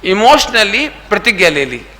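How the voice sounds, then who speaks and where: A middle-aged man giving a sermon to a youth camp, asking his listeners questions, mixing in English words, and now and then slowly singing a line of verse. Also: sits high, sing-song, pushed and bright. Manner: asks the audience questions and coaxes answers; sings verse lines slowly. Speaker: Jain preacher.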